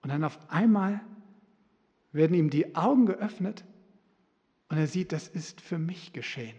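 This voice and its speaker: A man preaching a sermon in a church service, fervent, swinging from hushed to loud. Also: a little high, expressive, a little slow, lo-fi sound. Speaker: pastor. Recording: long reverb of a hall.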